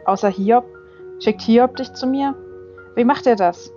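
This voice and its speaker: A woman's voice: fairly high pitch, a little slow, mellow, natural voice. A woman voicing a young, silver-haired male angel who is earnest and full of questions. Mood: insistent. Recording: slightly dull with faint music.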